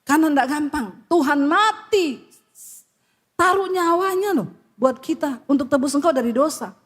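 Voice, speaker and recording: Middle-aged woman pastor, very high voice, blunt and scolding sermon delivery, acts out quoted people. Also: lively intonation, normal speed. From Indonesia. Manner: blunt, scolding, telling stories with acted quotes.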